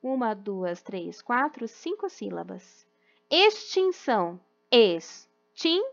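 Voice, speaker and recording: A woman's voice: a little high, lively intonation, highs cut off. A young woman teacher with a Brazilian Portuguese accent, patiently explaining a lesson to children and often checking "tá?". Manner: patient, explains slowly, ends phrases with "tá?". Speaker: primary school teacher. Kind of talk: remote class lesson.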